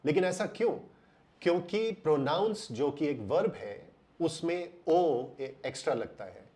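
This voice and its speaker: An Indian man explaining English pronunciation in a voice-over lesson, slowing down and drawing out words to stress them. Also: on the high side, expressive, warm tone.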